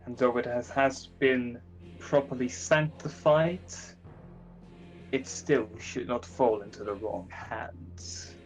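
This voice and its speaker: Here is a stern, lordly inquisitor, voiced by a man at a game table. He speaks formally and deliberately, as one used to being obeyed. Music plays behind his words. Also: mid-range voice, rough recording. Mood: measured command. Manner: formal, measured, commanding.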